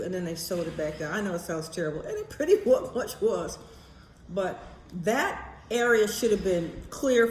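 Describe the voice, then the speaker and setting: An American woman vlogger shares personal stories in a casual, rambling way, thinking aloud and speaking candidly and bluntly. Her voice is fairly low and a little mellow. The recording has a roomy echo and faint background noise.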